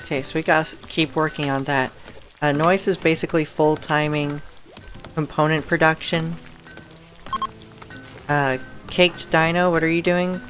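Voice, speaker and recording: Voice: mid-range voice, steady tone, moderate pace, pauses often, fairly bright tone, soft background music. A live streamer giving casual gameplay commentary, musing aloud and thinking through each choice.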